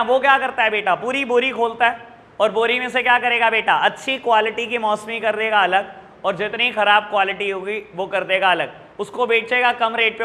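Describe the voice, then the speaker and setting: An Indian male teacher lectures his class with a high, sharp, bright voice. He keeps addressing students fondly and checking they follow. The sound carries a long hall reverb. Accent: Indian English. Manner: addresses students as beta, frequent "theek hai na" checks. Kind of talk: classroom lecture explaining exam questions.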